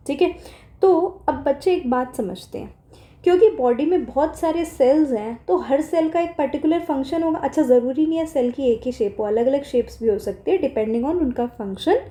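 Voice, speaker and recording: A woman's voice: high-pitched, dark tone. A woman teacher giving an online revision lecture, explaining terms in Hindi mixed with English and repeating key points for her students.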